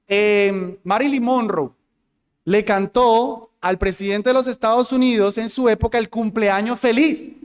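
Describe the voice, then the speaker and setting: A man's voice: very high voice, clean tone. A male pastor teaching a sermon to his congregation, addressing them directly and acting out tones of voice as examples. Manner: demonstrates voice inflections, talks with the congregation.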